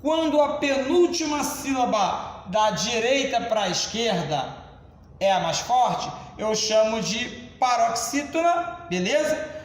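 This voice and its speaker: A Brazilian man teaching a grammar lesson at the board, explaining slowly and addressing the class as "senhores.". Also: extremely high pitch, big pitch swings. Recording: echoey classroom, reverb.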